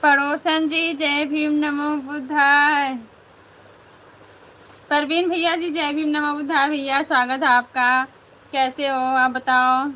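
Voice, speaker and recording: A woman's voice: sits high, bright, forceful tone, a little hiss or hum, rough recording. A woman hosting a casual live stream, chatting with viewers and greeting them by name.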